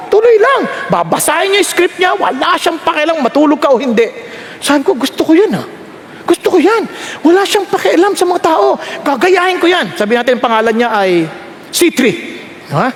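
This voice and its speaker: A man preaches with a high, very lively voice, leaping up and down as he acts out the voices he quotes. He sounds like a pastor in a church hall. The hall is echoey, with long reverb and faint ambience behind him. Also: slight background noise. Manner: animated, acts out quoted voices with big swings. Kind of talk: sermon.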